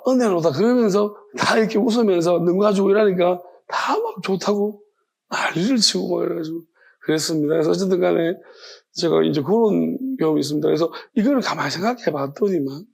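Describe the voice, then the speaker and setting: A man's voice: high-pitched, gravelly, darkish tone. A man preaching an informal evening sermon as a pastor, telling rambling personal stories. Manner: conversational, rambling, self-correcting. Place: church sanctuary.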